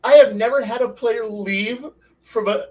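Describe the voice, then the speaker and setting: A man with a high voice spins animated, profane stories about brutal moments at his gaming table. He talks at some distance from the microphone, so the sound is a little remote. His storytelling dwells on gory detail in a relaxed panel chat. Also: moderate pace. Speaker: game master on a discussion panel. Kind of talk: casual panel discussion.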